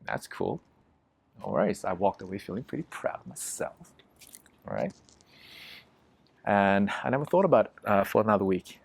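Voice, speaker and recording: Gravelly low-voiced man telling a story. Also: big pitch swings, brisk, pauses often. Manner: vivid, swears freely, emphatic. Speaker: interview guest. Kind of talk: storytelling in a podcast interview.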